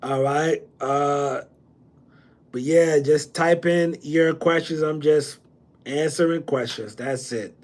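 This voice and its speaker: Talking slowly in a slightly mellow, higher voice, a New Jersey man runs a relaxed real estate Q&A on livestream. He is slangy, says um a lot, and tends to repeat himself.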